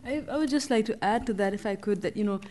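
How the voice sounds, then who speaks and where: A woman moderates a panel at a university lecture. She talks at a mid pitch, stopping often on small hesitations as she gathers her thoughts. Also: fast, mellow, a little hiss or hum. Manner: hesitant, many fillers.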